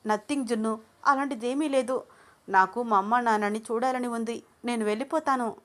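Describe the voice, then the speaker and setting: A woman voicing Anu, a hurt and defiant young woman who shifts from tearful pleading to shouting. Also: fairly high pitch, normal speed, voice pushed up, natural voice. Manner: tearful then shouting angrily.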